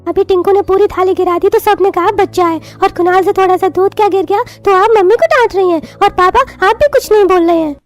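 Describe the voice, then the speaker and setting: A woman's voice: extremely high pitch, brisk, hardly any pauses. A woman voicing a young boy who stands up for his mother in a scripted audio story. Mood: defiant. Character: young boy, defiant and protective.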